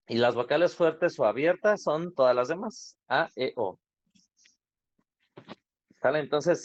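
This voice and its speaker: A man teaching an online grammar class, explaining patiently and asking students questions. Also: a little high. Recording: dull lo-fi online class audio.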